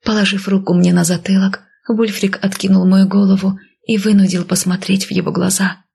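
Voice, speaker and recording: A woman narrating a story in a soft, breathy whisper, as whispered role-play. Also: mid-range voice, flat delivery, brisk.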